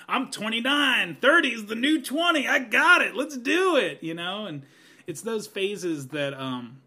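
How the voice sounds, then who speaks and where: A man's voice: sits high, very animated, a little slow, bright, forceful tone, slightly rough. A man in his thirties musing on growing older in a casual podcast chat, earnest and rambling, with many "you know"s. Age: 30s. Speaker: guest. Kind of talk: reflective podcast conversation.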